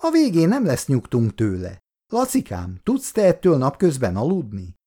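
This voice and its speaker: A man's voice: wildly swooping pitch, a little mellow. A male reader voicing a fierce, emotional elderly mother who scolds her grown sons. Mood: suspicious. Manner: scolding, shrill outbursts.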